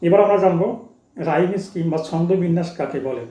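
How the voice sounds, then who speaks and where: A male teacher explains a lesson slowly and deliberately, moving between two languages. His voice sits high but sounds mellow and dark. The recording is roomy and echoey. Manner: switches between Bengali and English, slow and deliberate.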